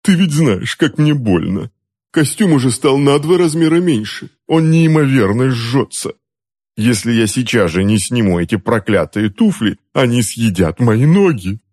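A man's voice: mid-range voice, animated, moderate pace, darkish tone, dry recording, studio quality, pitched above the performer's own voice, lightly acted. A man voicing a pampered middle-aged uncle under a curse, who whines, pleads and wails in a raised, strained voice. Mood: pleading. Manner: whining, pleading, wailing. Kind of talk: audiobook character voice.

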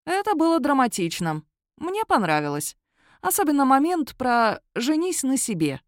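A woman's voice: sits high, very animated, moderate pace, dry recording, clean studio sound, pitched above the performer's own voice. A woman voicing a snarky female beast companion in an audiobook, with a mocking, sassy manner. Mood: amused. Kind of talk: audiobook character voice.

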